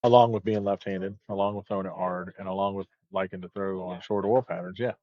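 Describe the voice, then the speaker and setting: Man calling a bowling stream, low voice. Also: fairly even intonation, a little fast, no room sound. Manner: chatty, loose, with frequent fillers and restarts. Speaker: bowling tournament commentator. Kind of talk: live sports commentary. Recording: dull lo-fi stream audio.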